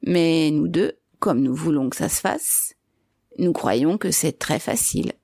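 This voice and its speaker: A woman reading aloud, voicing a hoarse, placid old bearded man who speaks slowly and bluntly. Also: on the low side, warm tone, no echo, studio quality. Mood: calm gruff.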